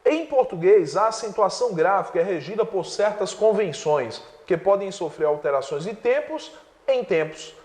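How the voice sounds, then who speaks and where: A man's voice: high-pitched, echoey room, in a large hall. A male teacher explaining exam answers step by step, often checking in with "né?". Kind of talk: exam prep lesson.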